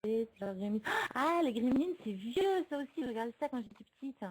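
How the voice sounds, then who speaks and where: Chatty higher-voiced woman on a livestream. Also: expressive, a little fast, a little mellow, slightly rough, low-quality recording. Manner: chatty, laughs often, many hesitant fillers; reads out and answers viewer comments. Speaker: streamer hosting a movie chat. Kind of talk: casual livestream chat.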